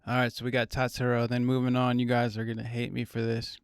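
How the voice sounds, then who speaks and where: A man's voice: mid-range voice, completely flat delivery, quick pace, clear, resonant tone, dry recording, studio quality. A young man hosting a casual fight podcast, rambling through his picks with plenty of swearing. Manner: rambling, profane, thinks aloud. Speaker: podcast host.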